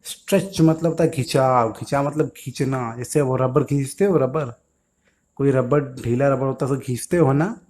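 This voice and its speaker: A man's voice: medium pitch, moderate pace, darkish tone. A man teaching English words to young children, patiently asking questions and answering them himself.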